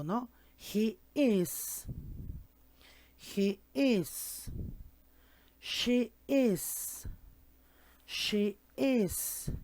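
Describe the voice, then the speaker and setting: A woman teaching an English lesson in Spanish, speaking slowly and patiently, repeating phrases for students to copy and often checking they follow. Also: medium pitch, darkish tone, no echo. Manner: checks understanding with frequent tag questions. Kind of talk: classroom language lesson.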